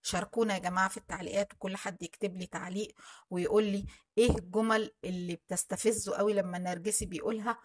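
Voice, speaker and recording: A woman's voice: medium pitch, fairly even intonation, fast. A woman with an Egyptian Arabic accent giving earnest advice to viewers in a vlog, often restarting and hesitating mid-sentence. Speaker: channel host.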